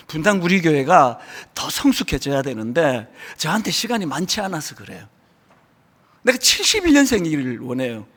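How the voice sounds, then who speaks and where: A Korean pastor in his sixties delivering a sermon, emphatic, with loud stressed lines and sudden hushed drops. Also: high voice. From South Korea. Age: 60s. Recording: reverberant hall.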